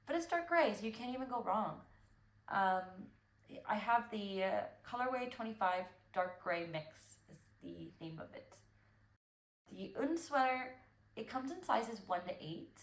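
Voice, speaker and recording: A woman's voice: fairly high pitch, expressive, unhurried, reverberant. A young woman hosting a knitting podcast, chatting casually and rambling with fillers and restarts. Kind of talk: casual chat.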